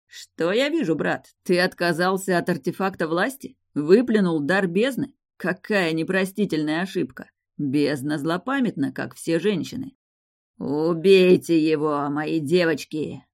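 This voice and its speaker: A woman's voice: low-pitched, a little slow, darkish tone. A woman voicing a dying young man, a vicious bastard prince, wheezing and spiteful as he gloats.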